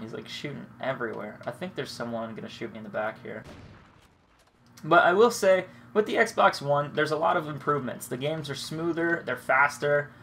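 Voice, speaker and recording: A young man, blocked up with a cold, gives laid-back, rambling commentary on his own gameplay, cursing freely along the way. His medium-pitched voice is fairly bright, and there's a slight hiss or hum.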